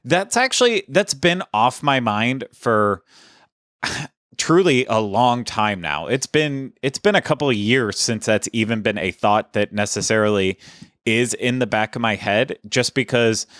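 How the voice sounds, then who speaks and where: A man's voice: mid-range voice, animated, measured pace, fairly bright tone, dry recording, clean studio sound. A man hosting a casual podcast, talking in a chatty, rambling way with frequent restarts. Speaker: podcast host.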